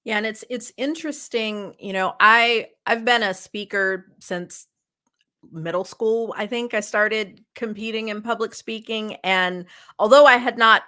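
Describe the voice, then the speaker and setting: A woman's voice: mid-range voice, measured pace, bright, forceful tone. A woman hosting an interview podcast, talking in a chatty way and thinking aloud as she builds her questions. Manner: chatty, many "you know" fillers, thinks aloud. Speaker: podcast host.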